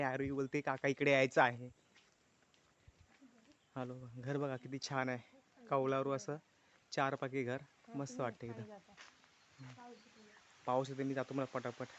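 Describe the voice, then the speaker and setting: A man from the Konkan region narrates his vlog as he walks outdoors through a rainy village. He sounds upbeat and keeps praising the sights in a casual way. His mid-range voice comes through a handheld phone and sounds dull and lo-fi. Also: mid-range voice. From Konkan, India. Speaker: vlogger. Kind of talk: casual walking tour narration.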